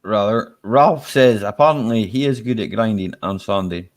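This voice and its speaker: A man's voice: on the low side, normal speed. A man in his early forties hosting a casual live chat, rambling and tagging his sentences with "right?" and "eh?", laughing often. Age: 40s. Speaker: live-stream host.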